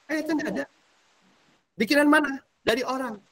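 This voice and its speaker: A male pastor teaches a discipleship class in a casual, animated sermon, often quizzing his listeners. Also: very high voice, normal speed. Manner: casual slangy preaching, quizzing the audience, animated swings between loud and soft.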